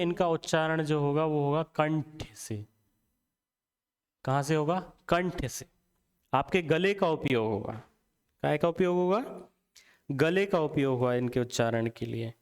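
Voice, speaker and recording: A man's voice: a little high, clean tone. A young man teaching a Hindi grammar lesson, sounding out letters one by one and asking the viewer questions. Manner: slow, repeats sounds aloud and quizzes the viewer.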